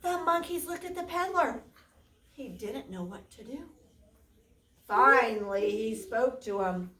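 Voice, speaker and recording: A woman teacher reading a picture book aloud to children in a classroom, animated and stopping to quiz the kids. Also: fairly high pitch, a little slow. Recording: roomy classroom from far off.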